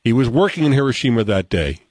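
An American man hosting a radio show, telling stories and running a game in an animated, conversational way. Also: medium pitch, quick pace, no echo. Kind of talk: broadcast talk, storytelling and game hosting. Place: radio studio. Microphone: close studio mic.

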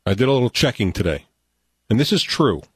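An American man hosting a radio show, telling stories and running a game in an animated, conversational way. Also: mid-range voice, brisk, breathy edge, no room sound, studio quality. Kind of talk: broadcast talk, storytelling and game hosting. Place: radio studio. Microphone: close studio mic.

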